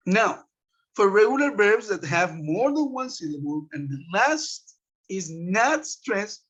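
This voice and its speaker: A man's voice: high voice, a bit bright, slightly rough. A man teaching an English grammar class over a web conference, patiently walking through each rule step by step and checking in with his students. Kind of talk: online class explanation. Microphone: web conference computer mic. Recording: dull lo-fi web conference audio.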